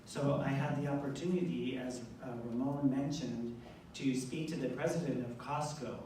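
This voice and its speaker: This male interpreter voices another person's words for a public event audience, his mid-range voice mellow and unhurried with fairly even intonation. A distant microphone captures him from across an indoor event room, with heavy echo and faint noise.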